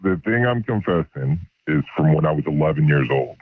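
A man's voice: expressive, fairly quick, a crowd in the background. A man in his forties calling in to a radio show, his voice run through a voice changer to hide who he is, telling his story a little hesitantly. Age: 40s. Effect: voice changer, pitched down to disguise him. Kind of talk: casual confession. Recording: tinny phone line.

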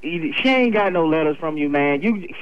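A man's voice: on the high side, animated, normal speed. A man answering a payphone call, talking in casual street slang, defensive and confrontational. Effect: heard over a payphone call line. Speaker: husband answering the phone. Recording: muffled, noisy phone line.

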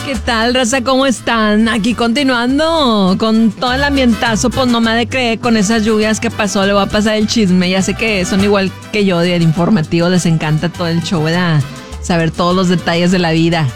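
Playful chatty radio host woman. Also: a little high. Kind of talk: lively radio show chat.

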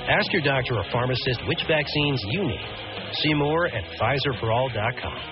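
A man reading scripted radio commercials in a measured announcing voice. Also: medium pitch, muffled recording. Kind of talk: scripted ad read. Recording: radio ad over loud music.

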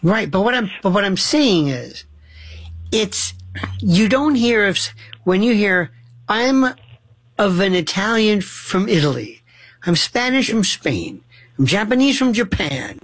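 A man hosting a casual talk-radio conversation, asking animated, probing questions and often restarting his sentences. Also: high-pitched, measured pace, no echo.

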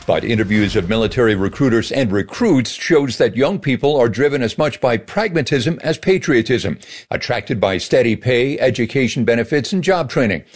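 A man's voice: mid-range voice, expressive, moderate pace. A man narrating a scripted news report as a correspondent.

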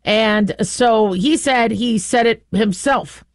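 A woman's voice: fairly high pitch, takes it slowly, dry recording, clean studio sound. A middle-aged woman from the American Southwest with an American accent, hosting a talk radio show in a casual, rambling, outspoken monologue. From southwestern United States.

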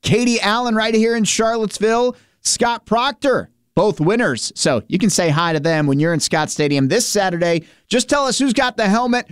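A man's voice: sits high, smooth, dry recording, studio quality. A man working as a country radio DJ, delivering an upbeat contest promo.

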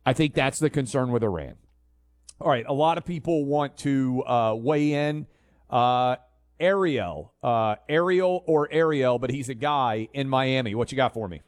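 Unhurried and medium-pitched, this male talk radio host sounds conversational and opinionated, with fillers and restarts along the way. He's in a radio studio on a studio mic, and the recording is dry and clean.

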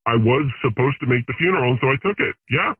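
A man's voice: mid-range voice, expressive, fast, slightly rough, no echo. Man caller through a voice changer. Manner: hesitant, confessional, with fillers. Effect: voice changer disguising the voice. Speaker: anonymous caller. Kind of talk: call-in confession. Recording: tinny phone line with voice changer.

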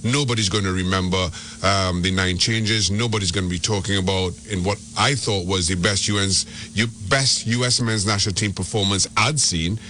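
A man's voice: sits low, fairly even intonation, moderate pace, hardly any pauses, pushed and bright, a little hiss or hum. A man from Trinidad and Tobago, giving soccer analysis as a radio guest and often restarting his words. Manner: repeats and restarts words when making a point. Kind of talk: radio sports talk.

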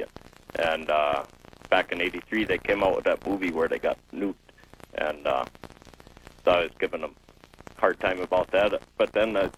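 A middle-aged or older man calling a radio show, telling a casual anecdote in a halting, meandering way. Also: low-pitched, breathy edge, low-quality recording.

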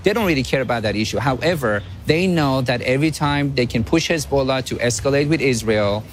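A man's voice: medium pitch, animated, fairly quick, a little hiss or hum. A man from Iran, speaking as a guest analyst in a radio interview, firm and analytical.

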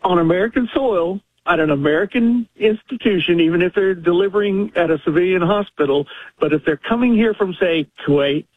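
A man's voice: sits high, fairly quick, no echo. A man in his sixties calling in to a radio talk show, explaining earnestly at length. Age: 60s. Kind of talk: casual talk radio call. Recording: tinny phone line.

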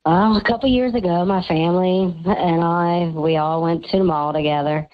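A man's voice: high voice, steady tone, moderate pace. A male caller whose voice runs through a voice changer, hesitantly telling an anonymous confession on a call-in show. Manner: hesitant, with filler sounds. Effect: voice changer disguising his voice. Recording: dull phone line.

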